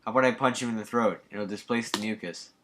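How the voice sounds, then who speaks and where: A smug, goofy teenage girl prankster from a game, read out by a man plays dumb on purpose in a mock-grand tone. The voice sits low but bright. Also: fast, a little hiss or hum, lightly acted.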